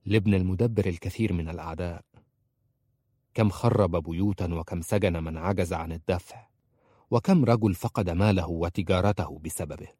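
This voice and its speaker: A man's voice: low-pitched, brisk, dark tone, slightly rough, no room sound, studio quality. A man voicing an earnest young bookseller. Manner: earnest, respectful pleading. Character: young orphan male bookseller, polite and persistent. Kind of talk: audiobook character voice.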